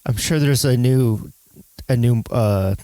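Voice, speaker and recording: A man's voice: medium pitch, slow, warm tone, no room sound. Nasal man hosting a casual podcast. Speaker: podcast host.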